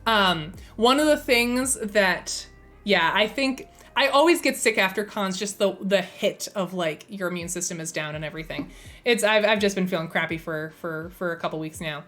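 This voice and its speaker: With soft music in the background, a young woman streamer and host speaks at normal speed in a medium-pitched, slightly bright voice. Chatty and excited, she fills her thinking-aloud with fillers, her voice a bit strained from illness and starting to go.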